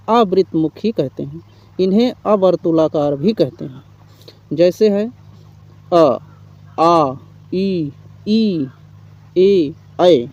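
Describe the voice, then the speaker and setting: A man's voice: high-pitched, warm tone, no room sound. A man teaching Hindi grammar in an exam-prep lecture, reading definitions and listing examples step by step. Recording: dull, muffled lo-fi recording.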